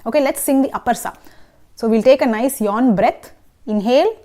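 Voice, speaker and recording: Woman teaching singing, slightly high voice. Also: normal speed, mellow. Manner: patient, explanatory, checks in with "okay?" and "right?". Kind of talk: vocal lesson with sung demonstrations.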